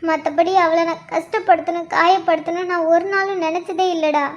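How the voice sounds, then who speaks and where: Woman voicing a guilty elder sister, pleading, very high voice. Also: fairly even intonation, moderate pace, lo-fi sound. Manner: pleading, emotional. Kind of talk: cartoon voice acting.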